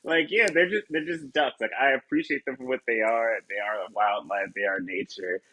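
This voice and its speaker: A man's voice: medium pitch, normal speed, sharp tone. A man co-hosting a casual podcast chat, laid-back and candid, with slangy talk and frequent laughter. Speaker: podcast co-host. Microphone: camera on a tripod.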